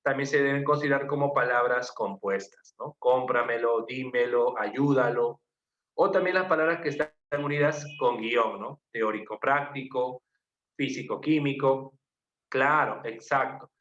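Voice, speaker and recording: In this online lecture, a Peruvian teacher with a medium-pitched, slightly bright voice puts questions to the class, echoes back their answers and runs through examples at an unhurried pace. The sound is dull and muffled, with room echo and faint background noise.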